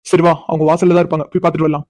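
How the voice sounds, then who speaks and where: A cocky, stubborn young man in a cartoon story, voiced by a woman, who teases and mocks without letting up. He speaks very fast in a low, flat, mellow voice. The recording is dry and close. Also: no echo, lightly acted. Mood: teasing. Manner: teasing, insistent, mocking. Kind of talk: cartoon voice acting.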